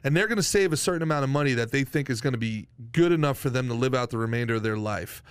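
A man co-hosting a podcast in a studio, talking earnestly and jumping in quickly, recorded close on a studio mic. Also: medium pitch, animated, clear, resonant tone, no echo. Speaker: podcast co-host. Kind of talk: casual discussion. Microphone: studio mic, wearing headphones. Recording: dry close-miked studio sound.

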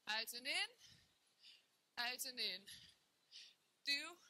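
Here a youthful fitness instructor stretches out her words in a high, animated voice that sounds pushed and bright, with no echo on the recording. She exercises along with her students in a bare room, counting reps and cheering as she guides the workout.

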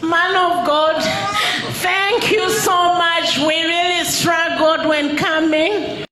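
A woman's voice: very high-pitched, steady tone, slow. A woman from Zambia, giving an emotional church testimony and calling out praise, holding a handheld mic in a large tented hall. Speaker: testifying daughter. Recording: echoey hall with loud crowd noise.

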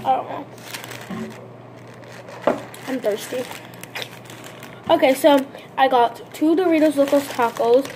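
A woman's voice: on the high side, background noise. A woman vlogging a casual eating show, rambling with lots of fillers and restarts.

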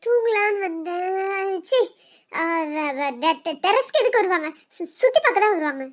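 A flustered young woman, stammering her way through every answer, as a woman voices her. The voice sits very high and defiant, recorded with dull, muffled sound. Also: animated, moderate pace. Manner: stammering, evasive. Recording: dull lo-fi audio.

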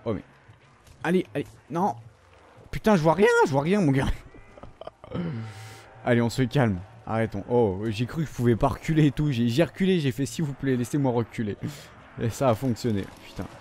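A man giving live commentary over his gameplay, ranting and swearing in frustration, then talking himself back into calm. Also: mid-range voice, moderate pace, long pauses, slight background noise. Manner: profane, frustrated ranting that swings between outbursts and calming himself. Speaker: gamer recording his gameplay.

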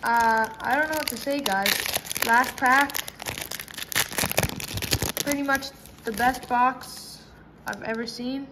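Slow-talking woman opening card packs. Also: noisy background. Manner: chatty, bursts into high excited shrieks. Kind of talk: casual pack-opening commentary. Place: indoors at a table. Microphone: camera over hands, speaker off screen.

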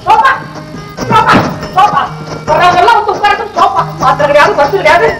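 A gloomy man , played by an actor, grumbles in a high, sardonic voice on an old film soundtrack. He keeps dwelling on death. Faint score plays behind him. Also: fairly quick, over music, low-quality recording. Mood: brooding. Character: fretful middle-aged man brooding over death. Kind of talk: 1960s Tamil film acting.

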